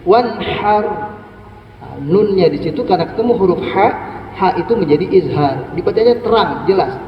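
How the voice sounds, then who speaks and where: A middle-aged religious teacher with a fairly high voice, explaining recitation rules patiently and chanting example verses slowly. He sounds far from the microphone in a large, long-echoing hall, and the recording is muffled and lo-fi. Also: lively intonation, slight background noise. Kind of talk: morning study lecture on Quran recitation. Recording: echoey hall, distant lo-fi mic.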